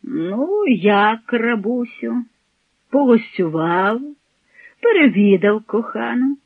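A man's voice: very high-pitched, expressive, slow pace, phone-quality sound, heavily acted. A man voicing an arrogant, cruel nobleman who sneers and mocks. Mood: mocking. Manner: sneering, laughing scornfully.

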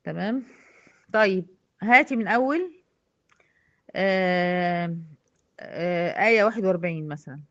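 A woman's voice: lowish voice, normal speed, pauses often, lo-fi sound. A woman with an Egyptian accent teaching a recitation lesson, patiently quizzing her female students step by step. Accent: Egyptian Arabic.

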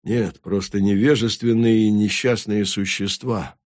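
Man voicing a frail, soft-spoken sorcerer. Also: on the low side, steady tone, unhurried, no room sound, clean studio sound, natural voice. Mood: gentle. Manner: quiet, weak-voiced. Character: frail, gentle male sorcerer.

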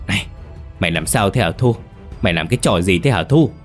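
A bossy old clan elder, over 60, who stammers when rattled, as a narrator plays him. The voice is low and plain, with faint music underneath. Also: male voice, animated, a little fast. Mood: stammering.

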